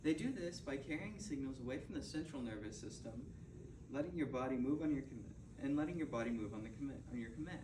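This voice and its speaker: A man delivers a scripted hard-sell infomercial pitch at a middling pitch. He stumbles and repeats himself as he goes. The recording is roomy and noisy, with the mic some way off. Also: animated, a little fast, far from the mic. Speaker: presenter in a mock infomercial.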